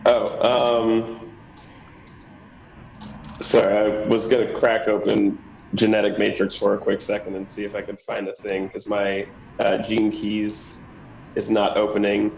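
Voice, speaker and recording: A man's voice: fairly low pitch, flat delivery, a little slow, creaky, darkish tone, a little hiss or hum. A man talking casually through abstract ideas, rambling with many fillers and restarts. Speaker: client in a reading. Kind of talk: casual philosophical chat. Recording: echoey muffled room audio.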